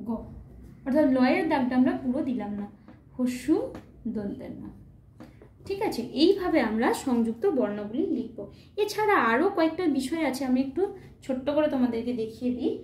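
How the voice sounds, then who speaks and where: A woman's voice: high-pitched, reverberant, lo-fi sound. A woman teacher explaining a grammar lesson patiently, step by step, often checking that students follow. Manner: patient, step-by-step, often asks "ঠিক আছে?".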